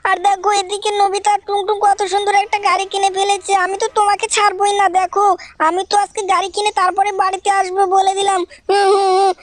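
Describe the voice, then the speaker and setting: Woman voicing a cartoon little boy, mischievous, hot-tempered, very high, fast. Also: monotone. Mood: angry. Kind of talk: fan-dubbed game video.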